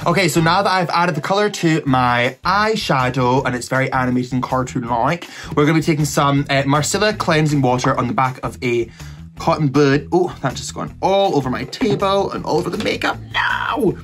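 A man's voice: fairly high pitch, normal speed, fairly bright tone. Camp, gossipy man over music. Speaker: drag queen giving a makeup tutorial. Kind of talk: chatty makeup tutorial. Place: small indoor setup before a cloth backdrop. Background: background music.

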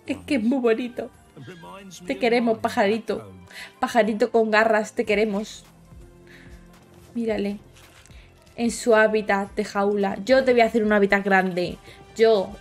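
A young woman with a Spain Spanish accent, hosting a game preview at home late at night, gushing with excitement while keeping her voice down so she won't shout. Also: medium pitch, measured pace, long pauses, faint music behind. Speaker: gaming video host.

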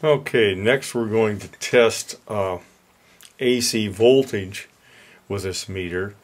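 An older man with a lowish voice walks through a bench demonstration as a repair instructor. He talks slowly and plainly, in a folksy, easygoing way, picked up by a camera mic in a workshop. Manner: plain-spoken, unhurried, folksy.

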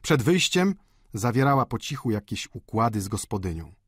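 A man narrating a classic novel audiobook in a measured, expressive storytelling manner on a close mic. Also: medium pitch, slightly rough, no room sound.

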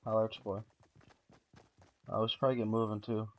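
A video game podcast member with a lowish, level voice talks fast while playing an online game, giving his teammates casual, slangy, profane callouts. The poor voice-chat audio has faint noise and clicks.

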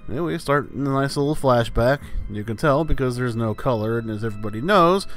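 A man's voice: medium pitch, lively intonation, a little fast, a bit bright, soft background music. Dry-witted man narrating a game. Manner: dry, wry humor, meandering. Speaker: let's play host. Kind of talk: gameplay commentary.

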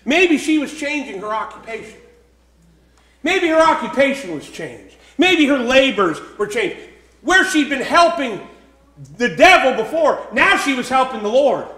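A man preaching a sermon as pastor, swinging from quiet emphasis to shouted, drawn-out lines. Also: very high voice, very animated. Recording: echoey church room.

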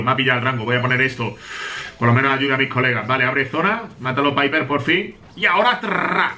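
A man's voice: mid-range voice, pushed and bright. A young man from Spain with a Spain Spanish accent commentates his gameplay in a hyped, boastful way, rattling off repeated words. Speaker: gaming youtuber.

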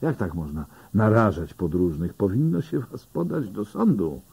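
A man's voice: fairly low pitch, expressive, creaky, mellow, breathy edge, exaggerated voice. A man reading an audiobook, voicing a cocky blind male army veteran who argues indignantly. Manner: indignant, fast-talking arguments.

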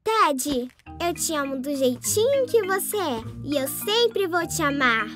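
A woman's voice: high voice, big pitch swings, a little slow, over music. A woman voicing an assertive, affectionate little girl piglet in a cartoon dub, childlike and matter-of-fact. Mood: loving.

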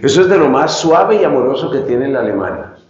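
A man giving a retreat teaching talk, speaking slowly and deliberately, repeating phrases and acting out pronunciations as he teaches. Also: mid-range voice, very animated, heavy background noise. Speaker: preacher at a lay retreat. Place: retreat meeting room. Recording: echoey room, dull lo-fi sound.

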